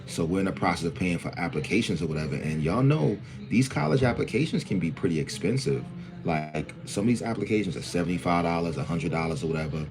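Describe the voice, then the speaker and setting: A man's voice: low voice, animated, fast talker, music in the background. A man in his forties from New hosting a livestream, talking loosely and greeting viewers by name. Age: 40s. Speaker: livestream host. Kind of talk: casual livestream talk.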